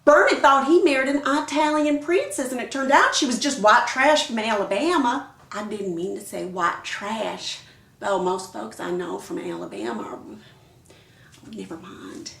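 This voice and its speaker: A catty neighbor, sweet-fake sympathy, echoey room. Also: female voice, on the high side, normal speed, vocal fry, fairly bright tone. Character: nosy, catty Southern neighbor woman.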